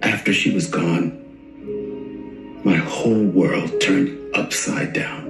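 A gentle therapist who talks in a deep, unhurried voice and probes softly. The clip sounds roomy, with faint music underneath. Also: male voice, vocal fry, heavily acted. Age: older. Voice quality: deep, slow and calm. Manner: measured, softly probing. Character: gentle older male therapist grieving a lost daughter. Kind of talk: scripted drama clip.

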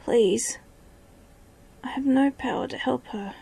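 A woman's voice: a little high, slow pace, vocal fry, warm tone, slightly rough, exaggerated voice. Woman voicing a desperate captive prince.

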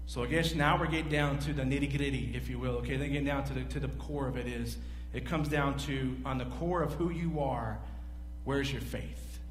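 A brisk man in his forties with a medium-pitched voice, preaching as a pastor and posing questions to his congregation. He paces a large church stage animatedly, gesturing as he goes. The echoey hall carries a faint hum.

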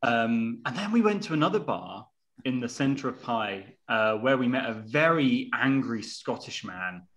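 A young man co-hosting a podcast, telling a story in an animated, self-mocking way over a video call from home. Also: medium pitch, a little slow, lo-fi sound. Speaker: podcast co-host. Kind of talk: casual storytelling. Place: room at home.

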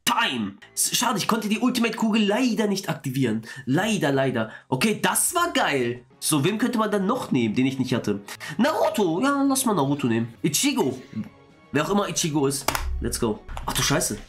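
Excitable young German gamer. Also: male voice, sits high, faint music behind. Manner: excitable, quick exclamations and swearing. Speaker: gaming YouTuber. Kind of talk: excited let's-play commentary.

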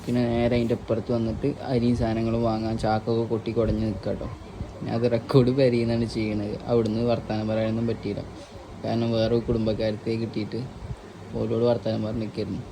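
A man's voice: on the low side, completely flat delivery, fast. A man with a Malabar Malayalam accent narrating a casual family vlog, chatting and playfully teasing a small child. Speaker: family vlogger. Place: outdoors, moving between shops and home. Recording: noisy outdoor phone recording.

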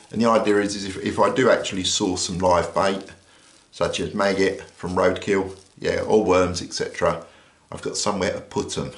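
An older British man in an easygoing mood talks through a survival kit item by item, his explanation punctuated by frequent "uh"s. The voice is on the low side and reverberant; he's at an indoor table, shown only by his hands from an overhead camera.

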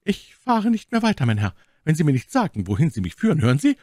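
A man voicing a proud, cunning noblewoman in a high, haughty falsetto, in a dry audiobook reading. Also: very animated, moderate pace, darkish tone, dry recording. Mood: alarmed, indignant. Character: proud, cunning noblewoman captive, imperious and suspicious.

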